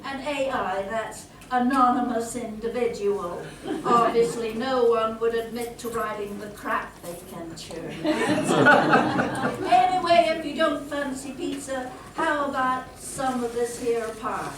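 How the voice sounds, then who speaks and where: A woman's voice: on the high side, slow. A woman playing a brash, folksy train conductor in a comic pantomime, with drawling, mock-official theatrical patter. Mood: chatty. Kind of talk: amateur comic pantomime stage acting. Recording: echoey hall from far off, noisy audience.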